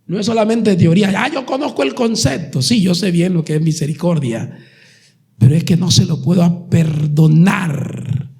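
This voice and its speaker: A Colombian pastor delivering an impassioned sermon, retelling parables and questioning the congregation directly. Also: male voice, sits high, normal speed, gravelly, warm tone. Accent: Colombian Spanish. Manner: preaching with dramatic retellings and sudden raised passages.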